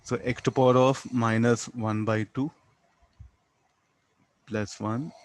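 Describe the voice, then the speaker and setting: A physics teacher with an Indian English accent works through a problem in a classroom lecture, explaining step by step in a didactic way. He often asks questions and answers them himself, tagging statements with "no?", speaking slowly and steadily in a mid-range voice.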